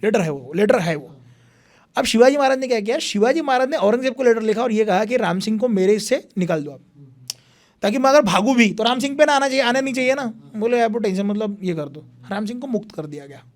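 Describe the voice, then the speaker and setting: A young man, a history speaker, telling a long story in animated conversation and acting out what people said. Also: very high-pitched, fast. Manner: animated retelling with repeated phrases, acts out quotes.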